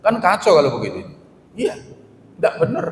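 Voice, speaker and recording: A man preaches a sermon, mixing funny stories and acted-out quotes. His voice sits somewhat high for a man. It rings with a long reverb through a large mosque hall. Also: wildly swooping pitch, normal speed. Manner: humorous storytelling with acted quotes.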